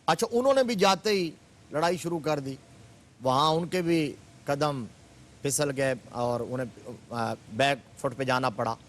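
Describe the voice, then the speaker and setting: A man, a religious scholar guest on a TV studio program, retelling history with fervor and rising emphatic stresses. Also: a little high. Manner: fervent, building to emphatic exclamations. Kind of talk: religious TV discussion, storytelling.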